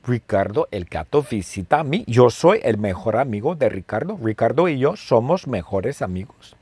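A man telling a simple story slowly and playfully, repeating phrases and asking the listener questions. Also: medium pitch, very animated, a little mellow, slightly rough, no room sound. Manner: playful, with sound effects. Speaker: storyteller for language learners. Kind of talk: slow, simple storytelling with lots of repetition.

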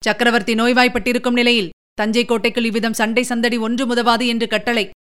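Woman reading a stern older commander guy, bossy, voice pulled a little lower, smooth and clear. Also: flat delivery, fast, fairly bright tone, natural voice. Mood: commanding. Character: stern older male fort commander, authoritative.

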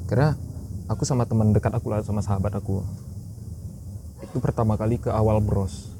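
A man's voice: on the low side, steady tone, fairly quick. A man telling his own story in a casual, candid podcast chat. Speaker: guest. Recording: noisy background.

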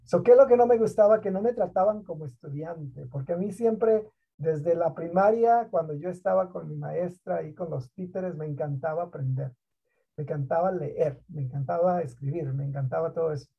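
A man from Mexico speaks with a high, gravelly, husky voice. He tells his story in an emphatic, animated way as an interview guest, and the audio sounds muffled and lo-fi, like an online call. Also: normal speed. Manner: animated, emphatic storyteller who mixes in English words. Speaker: guest, school district program director.

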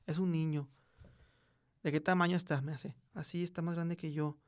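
A young Mexican man telling a scary story in casual, slangy chat, often dropping to a hush when quoting a child. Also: a little high, fairly even intonation, moderate pace. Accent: Mexican Spanish. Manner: slangy, swearing, acts out a child's quiet voice in quotes. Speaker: podcast host.

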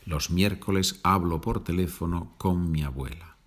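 A man hosting a podcast lesson, patiently explaining Spanish phrases in English and repeating them slowly. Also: deep voice. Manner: slow, patient, explains with small laughs and repeats. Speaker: Spanish teacher, podcast host. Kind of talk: slow bilingual language lesson.

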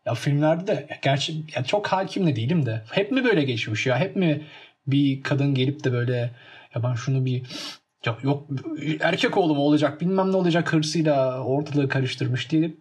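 Hızlı konuşan, canlı anlatan genç adam. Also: male voice, medium pitch, a little fast. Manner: animated storytelling, acts out scenes with mimicked sounds. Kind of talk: casual chat.

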